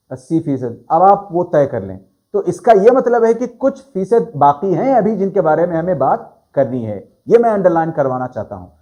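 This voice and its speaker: A man teaching a grammar lesson, explaining slowly and stretching and stressing key words. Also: on the high side, mellow. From South Asia. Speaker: English teacher.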